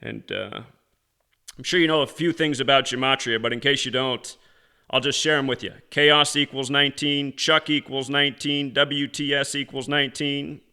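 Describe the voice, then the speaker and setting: A man's voice: mid-range voice, steady tone, moderate pace, bright, forceful tone, clear, resonant tone. A man leaving a voicemail on a phone, speaking in a sarcastic, mock-admiring way. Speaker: channel host.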